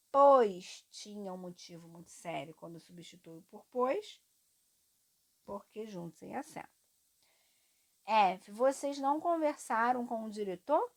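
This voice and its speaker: A woman teacher, speaking at an ordinary mid pitch. She is lively and encouraging, steps through each answer, and checks in with her students as she goes. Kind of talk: classroom lesson explaining exercises.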